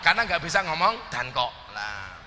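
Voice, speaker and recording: Javanese guy preaching, high bright voice, cracking jokes at the crowd, big hall reverb. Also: very animated, normal speed. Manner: joking, teasing the audience with regional dialects; addresses the crowd directly with questions. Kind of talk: humorous religious sermon. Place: religious gathering before an audience. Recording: long hall reverb, faint background noise.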